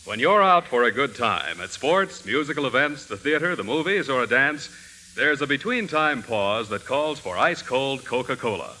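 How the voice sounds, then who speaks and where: Bright-voiced 1940s radio ad announcer. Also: male voice, mid-range voice, sing-song, normal speed. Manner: smooth, polished announcer delivery. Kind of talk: scripted radio commercial. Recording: old radio broadcast in a reverberant hall with faint hiss.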